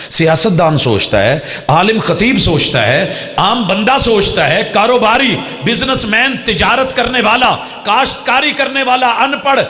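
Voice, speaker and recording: Man, middle-aged, fiery sermon, fairly high voice, dramatic swings to loud emphatic peaks. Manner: dramatic, mimics opponents' pleading then rises to loud emphatic peaks. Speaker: preacher. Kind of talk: fiery religious speech.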